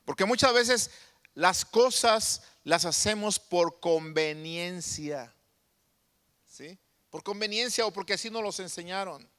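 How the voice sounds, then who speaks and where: A man's voice: sits high, slow pace, fairly bright tone. A man preaching a sermon emphatically, asking his listeners question after question. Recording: long hall reverb.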